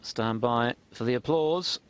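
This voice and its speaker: A man giving measured, hushed television snooker commentary, dropping in statistics. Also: medium pitch, dull audio, slight background noise. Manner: measured, statistic-laden delivery. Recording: crowd and hall ambience behind. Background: snooker audience ambience.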